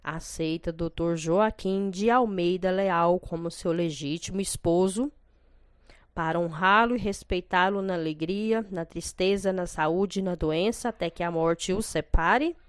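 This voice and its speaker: A woman's voice: lowish voice, a little slow, smooth, no echo, clean studio sound, lightly acted. A woman voicing a male priest who speaks in a solemn, formal way.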